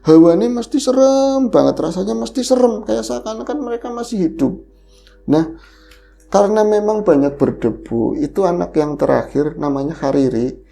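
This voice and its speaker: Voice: mid-range voice, expressive, normal speed, vocal fry, dark tone. A podcast host animatedly retelling a horror story in casual chat, the voice leaping up at the scary moments.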